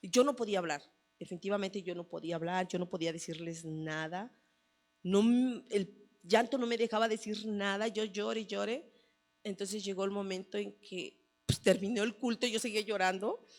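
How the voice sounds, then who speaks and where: A woman, mother of a son, giving a personal testimony at a church service in an earnest storytelling manner, often repeating her phrases. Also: mid-range voice. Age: adult, mother of a son.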